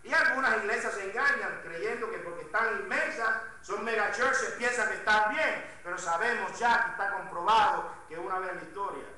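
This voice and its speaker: A male pastor with a Latin American Spanish accent preaches to his congregation, his high, sharp voice jumping between forceful calls and soft asides. He is picked up from a distance, and the church is very echoey. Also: normal speed, few pauses. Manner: preaching, swings between loud emphatic calls and quiet asides; asks the congregation questions. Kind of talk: Sunday sermon. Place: church sanctuary.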